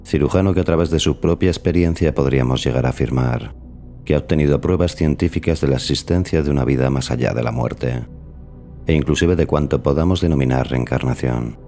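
A man hosting a podcast in measured, formal, scripted narration. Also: a bass voice, dark tone, soft background music. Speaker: podcast host.

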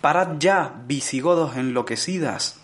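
A man voicing a flustered, indignant young Englishman in an audiobook, shouting in rising panic. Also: a little high, unhurried, voice pushed up, close to an everyday voice. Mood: outraged.

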